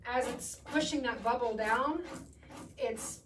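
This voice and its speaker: A woman's voice: on the high side, slow, fairly bright tone. Chatty woman hosting a painting demo. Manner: chatty, reads viewer comments aloud. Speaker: furniture painting host. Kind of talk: casual live demo chat. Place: paint room. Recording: distant mic with background noise.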